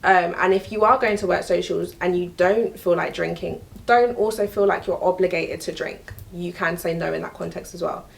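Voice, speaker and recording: A woman's voice: fairly low pitch, fairly even intonation, normal speed, gravelly, hardly any pauses. A young woman giving frank, emphatic career advice straight to camera, repeating her key points. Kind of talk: direct-to-camera advice talk.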